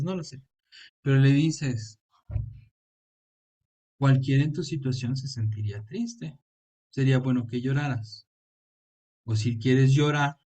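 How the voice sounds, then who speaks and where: A man, a psychologist, explaining grief calmly in an interview and acting out examples of what to say. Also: medium pitch, recorded from a distance. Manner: calm, explains with spoken examples and questions.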